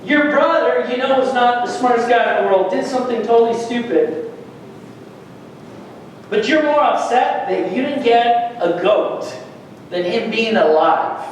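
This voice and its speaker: Male pastor, high-pitched, emphatic sermon delivery; very echoey hall, recorded from afar. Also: measured pace, a little hiss or hum. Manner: animated, rising to emphatic peaks, rhetorical questions. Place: church hall. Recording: echoey church hall, far from mic.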